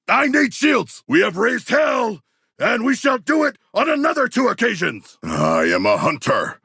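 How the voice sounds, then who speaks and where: A man playing a hulking shark-man warrior in a video game, with a rough gravelly voice and stilted, formal, proudly bloodthirsty yet earnest speech. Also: medium pitch, sharp tone, no room sound, clean studio sound, heavily acted. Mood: battle-roused, proud. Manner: stilted formal diction, grandiose, literal-minded. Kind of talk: video game character voice lines.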